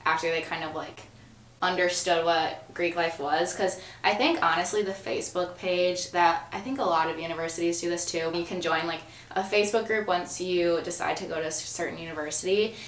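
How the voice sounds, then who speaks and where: A woman's voice: lowish voice, steady tone, a little fast, a bit bright, a little hiss or hum. A woman in her early twenties chatting casually with friends in a bubbly sorority-girl manner, peppered with "like". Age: early 20s. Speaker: sorority member in a Q&A. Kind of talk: casual chat among friends. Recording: roomy echo, distant mic.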